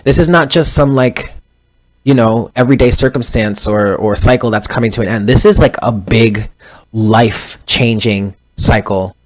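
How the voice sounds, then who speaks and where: A man's voice: mid-range voice, moderate pace. A man in his thirties giving a casual tarot reading, rambling and often correcting himself mid-sentence. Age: 30s. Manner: rambling, self-correcting, conversational. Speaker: tarot reader.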